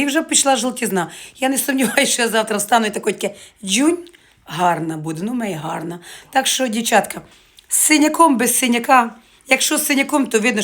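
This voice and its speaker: Fast-chatting woman vlogger. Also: fairly high pitch. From Ukraine. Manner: chatty, joking, addresses viewers as girls. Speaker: market vlogger. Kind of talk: casual live chat to viewers.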